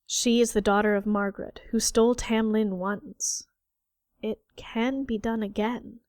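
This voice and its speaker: Woman narrating a dark fairy tale. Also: fairly high pitch, steady tone, measured pace, dry recording, studio quality. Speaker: audiobook narrator. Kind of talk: scripted narration.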